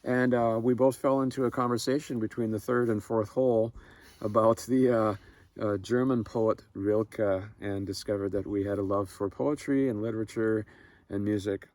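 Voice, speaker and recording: A man hosting a casual outdoor video update from a bike tour. He talks in a relaxed way with many filler pauses. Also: on the low side, no echo. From Minnesota, United States. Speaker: vlog host on a bicycle tour. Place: outdoors by a lake in the rain.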